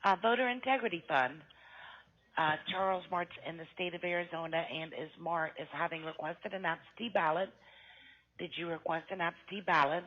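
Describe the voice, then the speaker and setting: A woman with a fairly low voice runs a brisk scripted survey call, tripping over a few words with little fillers. Her voice comes through as a tinny phone line, replayed from a laptop speaker and picked up again by a microphone. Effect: recorded phone call played through a laptop speaker. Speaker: phone canvasser.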